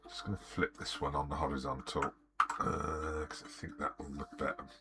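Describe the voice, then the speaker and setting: Working at his desk in an indoor home studio, an older man from Wales chats through a live art stream, muttering as he goes, complaining about his software, and saying hello to chat viewers. He has a rumbling low voice with little pitch movement and speaks at normal speed over background music.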